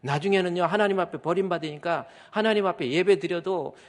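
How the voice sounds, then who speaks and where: A male pastor preaching a sermon, swinging from hushed asides to loud urgent appeals and acting out quoted voices. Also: high-pitched, brisk. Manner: preaching with dramatic swings, mimics voices and whispers. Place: church sanctuary. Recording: church hall reverb.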